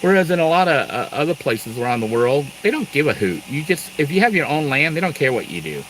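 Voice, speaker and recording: A man's voice: on the high side, big pitch swings, quick pace, a bit bright, a little hiss or hum, poor audio. A middle-aged man from Thailand chatting casually on a live stream, rambling through asides and laughing now and then. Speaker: live-stream host, Air Force veteran.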